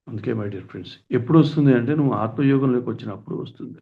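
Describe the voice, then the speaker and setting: A middle-aged man delivers a spiritual discourse in an earnest, questioning tone, with folksy asides. His voice sits at an ordinary middle pitch. The recording is thin and tinny, like a phone line. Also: creaky. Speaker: spiritual teacher.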